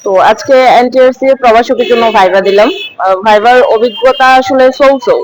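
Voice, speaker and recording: A woman's voice: a little high, a little fast. A woman from Chattogram, Bangladesh, recounting her exam interview in a matter-of-fact, listing way with some hesitation. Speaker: exam candidate interviewed after viva. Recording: noisy surroundings.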